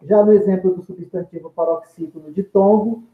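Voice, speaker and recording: A teacher giving a deliberate grammar lesson and stressing each example word. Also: mid-range voice, fairly even intonation. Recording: tinny phone-like line in an echoey room.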